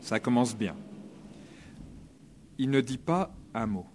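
A male preacher giving a sermon, retelling a scripture story in a lively, dramatic way. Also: mid-range voice, slow, a little hiss or hum.

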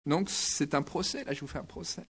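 A man's voice: fairly quick, breathy edge. A man voicing a desperate pagan mother who shrilly begs for help, then protests with mock outrage. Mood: indignant. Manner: high shrill cries, then mock indignation.

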